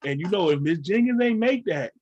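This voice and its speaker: A man hosting a casual chat, laughing a lot and talking in animated slang. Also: high-pitched, brisk, lo-fi sound, very noisy. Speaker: host.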